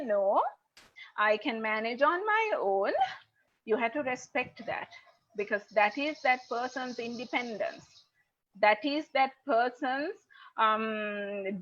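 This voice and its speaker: A middle-aged woman speaks in a high voice. Her pitch rises and falls widely as she lays out her points and checks in with her listener. The sound is muffled, lo-fi video-call audio. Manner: animated, explains point by point with rhetorical checks. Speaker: guest speaker. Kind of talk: webinar talk answering questions. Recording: dull lo-fi online call audio.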